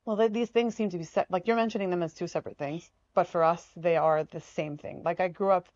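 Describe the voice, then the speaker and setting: A woman, an artist from the United States, talks on a podcast. Her voice sits a little low and she speaks with emphatic, animated energy, acting out what others have said to her. The sound is dry and slightly muffled. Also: quick pace, dry recording. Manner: animated, emphatic, acts out quoted remarks. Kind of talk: conversational interview.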